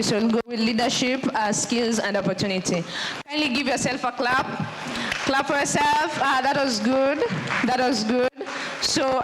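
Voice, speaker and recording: A woman with a slightly high voice moderates a conference panel. She repeats her prompts and leans on filler sounds as she steers the session. Steady noise hums behind her. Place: conference venue. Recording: background noise.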